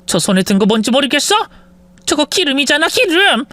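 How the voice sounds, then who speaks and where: A woman's voice: high-pitched, big pitch swings, fairly quick, fairly bright tone, no echo, pitched above the performer's own voice. A narrator voicing a frantic older mother-in-law who pleads and wheedles in a spoken-story drama.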